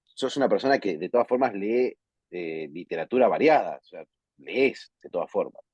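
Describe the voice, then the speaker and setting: Deep, husky male host. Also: animated, moderate pace, a little mellow, no room sound. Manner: brief, affirming, asks follow-up questions. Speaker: podcast host. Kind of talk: interviewing a guest. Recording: dull lo-fi online call audio.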